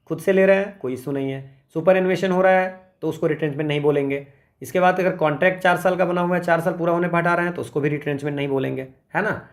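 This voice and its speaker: A man teaching an exam revision lecture, explaining step by step, asking rhetorical questions and checking in often with tag questions. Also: a little high. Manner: frequent tag questions like "है ना" and "ठीक है".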